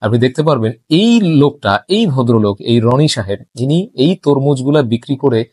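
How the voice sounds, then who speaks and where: A man's voice: medium pitch, animated, brisk, a little mellow, husky, no echo, studio quality. A man giving earnest, sympathetic voice-over commentary in long, listing sentences. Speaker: vlogger commentator.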